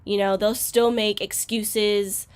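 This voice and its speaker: A woman hosting a casual reaction video, talking reflectively with many fillers and growing loud and emphatic when frustrated. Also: medium pitch, flat delivery, takes it slowly, clear, resonant tone.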